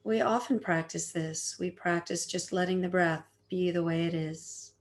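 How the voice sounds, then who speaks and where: A woman with a voice on the low side teaches meditation, giving gentle, soothing guided instructions and leaving long pauses between phrases.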